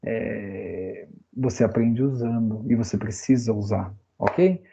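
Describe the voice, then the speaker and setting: A man's voice: on the low side, animated, takes it slowly, creaky, dark tone, breathy edge, lo-fi sound. A man teaching English grammar in a casual online lesson, chatting with a Brazilian Portuguese accent and tagging his sentences with questions. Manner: chatty, frequent "né?" tag questions.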